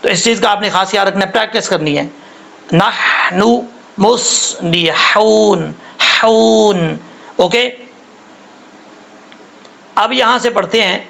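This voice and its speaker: A man gives a recitation lesson in a high voice with a gravelly rasp. He explains each sound patiently and repeats himself. He slows right down to model the words he teaches. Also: pushed and bright, poor audio. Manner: patient, repetitive instruction, models sounds slowly. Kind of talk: step-by-step pronunciation lesson.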